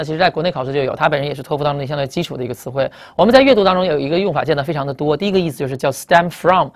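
A man's voice: fairly high pitch, creaky. A man teaching English vocabulary in a lecture, explaining each word, repeating key terms and spelling letters out. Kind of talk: recorded classroom lecture.

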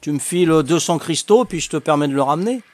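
An older man talks casually to his stream chat as he plays. His voice sits a little high for a man. He is jovial and chatty, laughs often and keeps dropping little fillers. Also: expressive, fast talker, a little mellow. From Corsica. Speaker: livestreaming gamer. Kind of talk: casual livestream chat with viewers.

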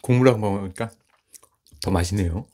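A man's voice: lowish voice, a little fast, warm tone. A man hosting an eating show, describing the food politely while chewing. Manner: polite, savoring commentary on food. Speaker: mukbang host. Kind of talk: casual eating show talk.

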